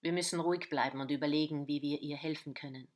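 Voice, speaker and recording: A woman's voice: sits low, fairly even intonation, fast, close to an everyday voice. A woman reading as an urgent chief inspector. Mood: calm. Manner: urgent, insistent. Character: worried male police chief inspector.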